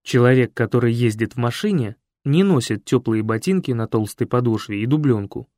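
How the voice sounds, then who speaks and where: A man narrates a funny first-person tale, brisk and built for the punchlines, with lively comic timing. His mid-pitched voice is close and dry, without any room echo.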